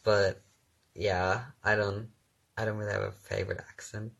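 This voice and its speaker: His voice is fairly low, creaky, and a bit bright, with a level tone at a normal speed. This young German-native actor casually hosts his own phone livestream, reading viewer questions and answering them with ums and easy laughter.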